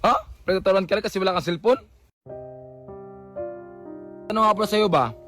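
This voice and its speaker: A man's voice: high-pitched, lively intonation, a little fast, a bit bright, faint music behind. A young adult man hosting a casual vlog, coaxing and repeating short phrases again and again. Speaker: vlogger host.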